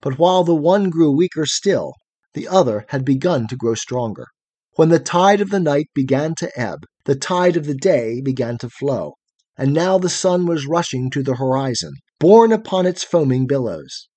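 Husky, expressive male storybook narrator. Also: fairly high pitch, normal speed, no room sound. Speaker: audiobook narrator.

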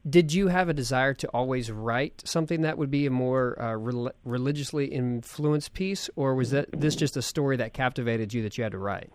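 A man's voice: medium pitch, moderate pace, few pauses, clean tone. Friendly rambling podcast host man. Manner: friendly, rambling, many fillers. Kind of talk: casual podcast chat.

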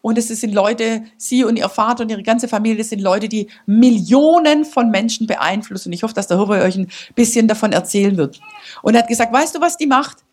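A woman preaching a sermon to her church, passionate and building up to loud exhortation. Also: a little high, brisk. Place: church service.

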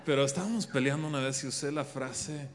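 A man's voice: mid-range voice, fast talker. A man giving a live talk on marriage, offering joking, conversational advice to the audience. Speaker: speaker on marriage, husband. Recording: reverberant hall, faint background noise.

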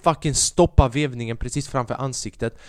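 A man's voice: medium pitch, dry recording, studio quality. A young man, a podcast host and stand-up comedian, telling a rambling, profane story in a casual monologue.

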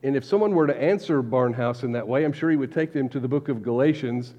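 A man preaching a sermon as pastor, measured, slowing down to stress key words. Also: medium pitch, warm tone. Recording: dull lo-fi recording with long hall reverb.

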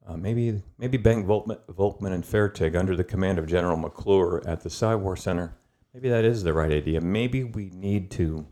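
A middle-aged man with a very deep voice gives a conversational history lesson as a podcast guest. He tells it in a thoughtful, storytelling way, pausing and searching for words. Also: mellow. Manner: thoughtful, storytelling, with pauses and fillers.

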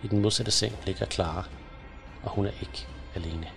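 A man reads a scary story aloud in a hushed, suspenseful manner. His voice sits low with a gravelly fry, and faint music plays underneath. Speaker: narrator. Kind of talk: scripted storybook narration.

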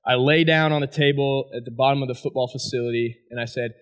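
A man, a former college athlete, giving a personal testimony speech and telling his story with animated energy to an audience. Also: mid-range voice, fast. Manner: animated storytelling, asks the crowd "right?".

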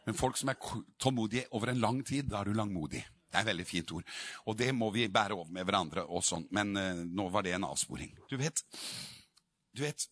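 Man, preacher, fervent sermon, emphatic, crisp bright tone, dry close sound. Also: fairly low pitch, lively intonation, dry recording.

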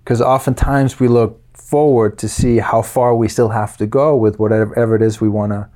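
A man's voice: fairly low pitch, fairly even intonation, normal speed, mellow. Hesitant Danish-born man in his thirties. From Denmark. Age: 30s. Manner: hesitant, repeats words, many fillers. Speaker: guest, life coach. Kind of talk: casual interview chat.

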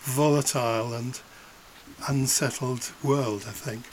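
Gentle male interviewer. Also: mid-range voice, steady tone, takes it slowly, a little hiss or hum. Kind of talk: interview questions.

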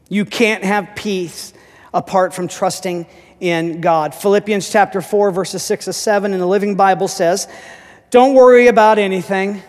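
A man pastor preaching an animated sermon, rising to shouts. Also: sits high. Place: church hall. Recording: reverberant church hall.

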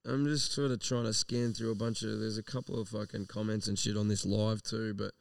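A man's voice: lowish voice, level tone, fairly quick, vocal fry, no echo, far from the mic. An Australian man co-hosting a casual live podcast, talking in slangy, laid-back language with plenty of swearing. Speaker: podcast co-host.

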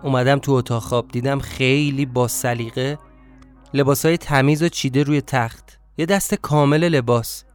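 A man narrating a first-person story in a confiding, reflective tone. His voice sits at an ordinary mid pitch, and soft music plays faintly behind him. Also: steady tone.

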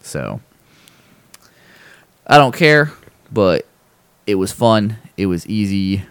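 Low-voiced man telling a rambling story. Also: slow pace, clear, resonant tone, dry recording. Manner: relaxed and rambling, with many fillers and restarts; acts out people's lines in a raised voice when telling stories. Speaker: podcast host. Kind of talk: casual chat, storytelling.

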